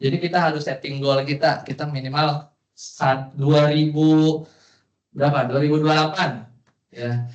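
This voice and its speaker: Male lecturer, fairly high voice, chatty explaining tone, echoey hall. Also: fairly even intonation, normal speed, muffled recording. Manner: explanatory, conversational with tag questions. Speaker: Islamic teacher. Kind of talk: religious study lecture.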